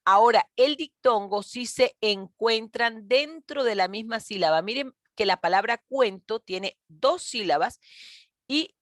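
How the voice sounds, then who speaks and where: A woman's voice: on the high side, lively intonation, unhurried, fairly bright tone, no room sound, clean studio sound. A woman teacher giving an online grammar lesson to pupils, patient and encouraging, often checking with her class. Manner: patient, calls pupils "mis niños" and "chicos", often checks with "¿ok?". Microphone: computer mic on a video call.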